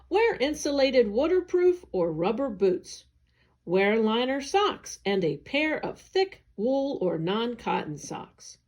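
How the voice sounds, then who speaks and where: In a slightly high, darkish voice, a woman on agency staff reads a scripted educational article aloud for children, carefully and instructively, as an educational narrator.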